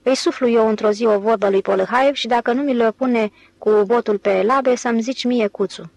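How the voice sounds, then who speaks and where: A woman's voice: on the high side, a little mellow, no room sound. A self-important office clerk, a man who schemes against his colleagues, as a woman narrator acts him out with a raised voice. The audiobook reading is dry and close. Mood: scheming.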